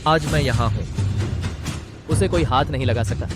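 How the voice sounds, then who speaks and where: A young actor playing a humiliated but defiant servant hero who speaks firmly, in dubbed drama acting. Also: male voice, medium pitch, normal speed, music in the background, natural voice. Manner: firm, restrained, defiant.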